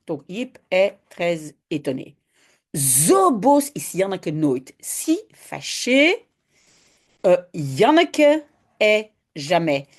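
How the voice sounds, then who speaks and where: A woman's voice: fairly low pitch, sing-song, drawn-out words. A woman from Belgium, patiently teaching Dutch step by step in an online lesson and often adding "hein".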